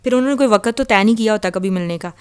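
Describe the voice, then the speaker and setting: A woman's voice: medium pitch, clean tone. A woman casually retelling a novel as a storyteller, chatty and loose, with frequent fillers and restarts.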